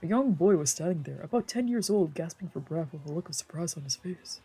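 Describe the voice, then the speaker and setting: A warm, husky mid-range voice, animated and fairly quick, comes through a low-quality recording. The streamer reads a visual novel aloud dramatically, inventing voices for the characters and adding casual side comments over faint game music.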